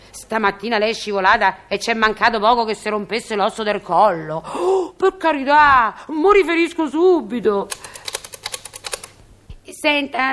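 An actress with a Roman accent playing a nosy, meddling building concierge in a comic phone monologue, chatty and slyly mock-innocent. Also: female voice, fairly high pitch, a bit bright, lightly acted. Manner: chatty, sly, mock-innocent stirring of trouble. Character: nosy gossiping Roman concierge woman, middle-aged, meddling.

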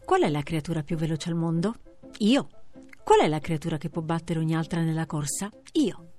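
A woman's voice: expressive, brisk, faint music behind. A woman voicing a boastful, cocky young female hare who brags and taunts in a storybook reading. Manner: bragging, taunting, shrill laughter.

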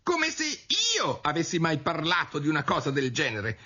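A man voicing a touchy, frightened little mouse with a shrill, squeaking voice, in a dull radio recording of a storybook reading. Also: wildly swooping pitch, moderate pace, pushed and bright, breathy edge, heavily acted. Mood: outraged. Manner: indignant, trembling.

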